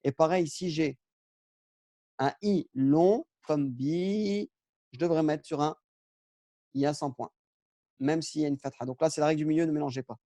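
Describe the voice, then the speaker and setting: A man teaching a relaxed lesson, patient and step by step, with frequent fillers and self-corrections. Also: on the high side, moderate pace, pauses often, no echo. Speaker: Arabic teacher. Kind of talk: casual lesson on Arabic spelling.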